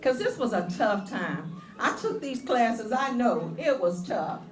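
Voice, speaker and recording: Excited high-voiced woman in echoey hall. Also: measured pace, faint music behind. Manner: exuberant, laughing, repeats lines for emphasis. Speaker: graduate and university staff speaker. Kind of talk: excited commencement speech. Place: large ceremony hall.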